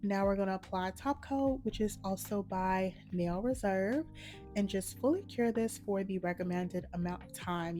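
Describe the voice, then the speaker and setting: A woman with a mid-range voice, slightly hoarse from a cold, hosts a nail art channel. She walks viewers through a manicure step by step in a relaxed, matter-of-fact tutorial.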